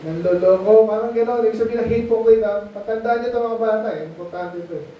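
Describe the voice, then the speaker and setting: High-voiced man preaching to children. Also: quick pace, slight background noise. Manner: conversational, asks the children questions. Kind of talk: Bible lesson sermon in Tagalog. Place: mission meeting space. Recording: muffled, echoey room, distant mic.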